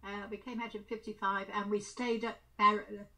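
A very old woman, over a hundred, recalling things in casual conversation and halting now and then to repeat or search for words. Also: medium pitch, flat delivery, bright, forceful tone. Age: over 100. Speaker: interviewee. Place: small room at home, indoors.

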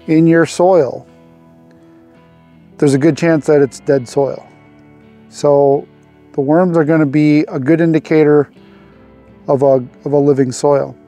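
A man's voice: on the high side, warm tone. A man in his forties, host of a homesteading channel, casually explains a farm chore outdoors into a lapel mic, with easy fillers along the way. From Arkansas. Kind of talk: casual instructional vlog.

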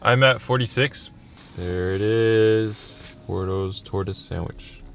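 A man's voice: lowish voice, slow pace, vocal fry, fairly bright tone. A young man talking casually to camera as a vlogger. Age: young adult. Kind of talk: casual vlog chat.

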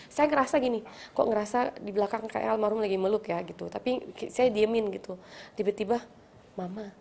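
Brief: woman guest, thirties, gravelly and soft, reflective storyteller. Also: mid-range voice, a little hiss or hum. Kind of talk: casual chat.

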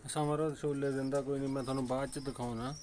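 A man's voice: medium pitch, little pitch movement, fast, a little mellow. A man with a Punjabi accent giving casual, informal running commentary as a pigeon-keeping vlogger, often addressing viewers as brothers. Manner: informal, calls viewers brother, banters with helpers. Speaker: pigeon keeper and vlog host. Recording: clear background noise, cooing pigeons. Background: pigeons cooing.

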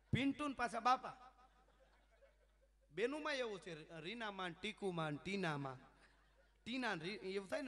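Male folk storyteller, dramatic, high voice, bright tone, live family function. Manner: dramatic, swinging from soft asides to loud declaiming.

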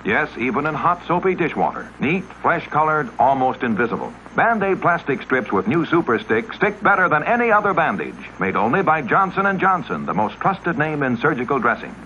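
1950s TV announcer man, bright and lively. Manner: brisk, emphatic pitchman delivery. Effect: dull 1950s TV broadcast sound. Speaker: commercial announcer. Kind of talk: 1950s TV commercial voice-over. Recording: dull, lo-fi vintage TV audio with faint hiss.

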